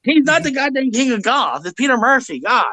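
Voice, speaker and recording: A man's voice: very high-pitched, sing-song, a little fast, bright, forceful tone, no echo. A man in his forties chatting on a live stream, profane and argumentative. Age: 40s. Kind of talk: casual chat. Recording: noisy stream audio.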